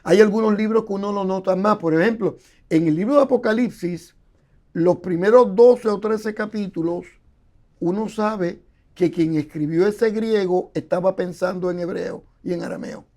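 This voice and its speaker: An older man, a guest Bible scholar, talks through scholarly ideas at length during a conversational interview, repeating words and reinforcing each point with examples. His voice sits high and sounds warm, at a moderate pace.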